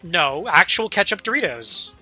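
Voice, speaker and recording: A man's voice: sits high, sing-song, moderate pace, pushed and bright, soft background music. A man streaming a game, chatting casually and rambling, with a casual swear here and there. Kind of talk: casual gaming chat.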